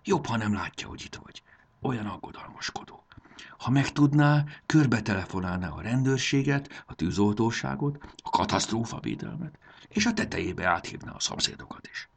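A man voicing an excited, secretive schoolboy who talks in a hushed, husky voice. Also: medium pitch, pitched above the performer's own voice. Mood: hushed eager.

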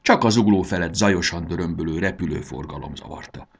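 Deep gravelly man reading a storybook. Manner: expressive storytelling. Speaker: narrator. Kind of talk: storybook narration.

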